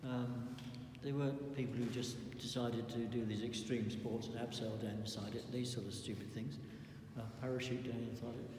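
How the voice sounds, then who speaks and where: Male, calm museum guide. Muted, mellow tone, halting informal explanations, reverberant noisy hall. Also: mid-range voice. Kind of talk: informal spoken guided tour. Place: large reverberant indoor space.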